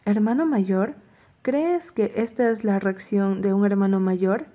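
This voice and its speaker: A jealous young man, as a woman reader puts him on, hurls heated accusations in an audiobook scene. His voice sits mid-range with a mellow, soft-edged tone. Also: mid-range voice, measured pace, lightly acted. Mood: angry. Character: angry jealous young man, best friend.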